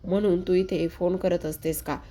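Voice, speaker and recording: A woman reading the lines of a stern, angry brother giving orders, in a low, mellow voice close to her own. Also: fairly even intonation, normal speed, a little hiss or hum, lightly acted.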